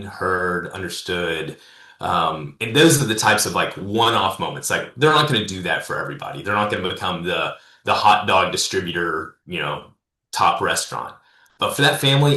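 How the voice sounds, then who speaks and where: A man's voice: deep voice, expressive, normal speed, bright, forceful tone, roomy sound. A man, a consultant and speaker, telling stories in a casual interview, rambling with many fillers and restarts.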